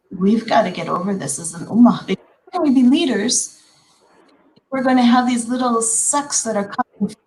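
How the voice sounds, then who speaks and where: On a panel, a Minnesota-born educator in her forties talks in an earnest, conversational way, often saying um and starting sentences over. She has a mid-range voice and a Minnesotan American accent, and the audio quality is poor.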